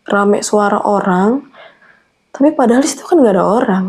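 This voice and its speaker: A woman's voice: medium pitch, animated, moderate pace, a little mellow, breathy edge. A young adult woman telling a personal horror story in an earnest, anxious way. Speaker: guest storyteller.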